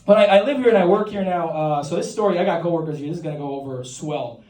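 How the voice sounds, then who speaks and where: A man's voice: a little high, fast talker, noisy background. A young man from Puerto Rico performing a stand-up set on a comedy club stage, chatty and self-deprecating and ribbing the crowd. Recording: roomy club recording from a distance with a loud crowd.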